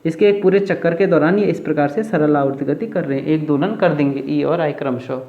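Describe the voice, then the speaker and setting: A high-pitched man teaches physics, stopping to ask a question and then answer it himself, repeating each new term. The sound is dull and lo-fi, with a roomy echo around his voice. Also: brisk. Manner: repetitive, asks and answers own questions. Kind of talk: whiteboard lecture. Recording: roomy, dull lo-fi classroom recording.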